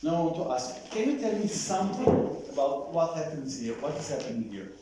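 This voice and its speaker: A man coaching a singer on German diction in a masterclass, patient, modelling words slowly and repeating them. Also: a little high, sing-song, heavy reverb, heavy background noise.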